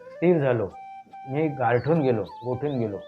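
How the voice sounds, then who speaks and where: A man telling a story in a relaxed spoken way, repeating phrases for emphasis. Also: mid-range voice, normal speed. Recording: dull lo-fi recording with faint music.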